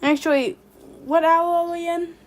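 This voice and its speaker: A woman's voice: very high-pitched, fairly even intonation, normal speed. A woman co-streamer chatting casually, teasing her friend and laughing often.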